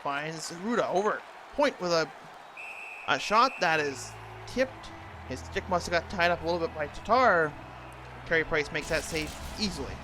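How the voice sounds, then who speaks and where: A man's voice: a little high, expressive, normal speed. A man doing play-by-play hockey commentary for a video game, imitating a TV sports announcer's delivery. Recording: noisy, game sound throughout.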